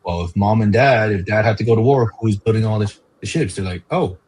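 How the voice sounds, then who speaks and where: A man from Hawaii talks earnestly as a park educator, steady but peppered with fillers. His voice sits low with a husky, breathy edge. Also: fast, poor audio. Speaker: interview guest, park educator. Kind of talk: casual interview chat.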